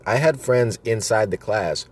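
A man's voice: on the low side, measured pace. A man rambling through stories in a casual, joking, sweary way, talking with chewing tobacco in his mouth.

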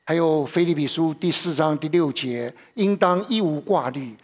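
A man's voice: on the high side, normal speed. A man preaching a sermon in a conversational way, often repeating himself and putting questions to his listeners.

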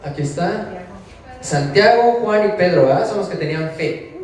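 High-voiced Mexican man preaching in echoey hall. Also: expressive, moderate pace, far from the mic. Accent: Mexican Spanish. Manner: conversational, asks the congregation questions. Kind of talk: informal sermon. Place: church hall.

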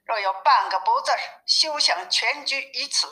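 A woman's voice: a little high, moderate pace, bright, forceful tone, pitched above the performer's own voice, poor audio. A woman voicing a stern young male dragon prince who scolds his cousin, in a storybook reading. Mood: scolding. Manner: scolding, commanding.

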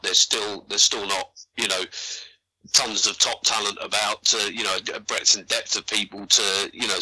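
Male co-host, low pitch, bright edge, hesitant and understated delivery. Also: rough recording. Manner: hesitant, stammering, dry and understated. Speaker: podcast co-host. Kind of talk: casual chat.

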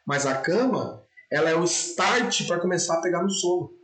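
Brazilian man, dog trainer, emphatic teaching talk, fairly high voice, reverberant room. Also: expressive, moderate pace, fairly bright tone. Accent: Brazilian Portuguese. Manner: emphatic, addresses the viewer directly with repeated checks. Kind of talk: instructional talk to camera.

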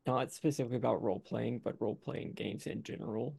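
A man's voice: mid-range voice, steady tone, fast, creaky, darkish tone, breathy edge, no echo. A man panelist chatting casually, wry and reflective. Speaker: panelist on a role-play show.

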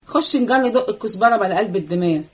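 A woman's voice: mid-range voice, animated, very fast, lightly acted. A woman voicing a lazy, cheeky young maid with an Egyptian accent, answering back teasingly. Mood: sassy. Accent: Egyptian Arabic.

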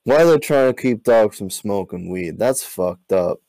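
A man telling deadpan one-liners in casual podcast chat and laughing at his own jokes. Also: lowish voice, moderate pace, no room sound, low-quality recording. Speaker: podcast guest comedian.

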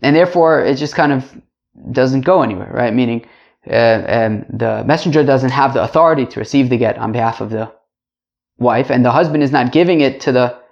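A man's voice: medium pitch, a little fast, gravelly, a little mellow, muffled recording. A man teaching an informal religious lesson to a class, chatty, repeating phrases and checking in with rhetorical questions. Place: indoors.

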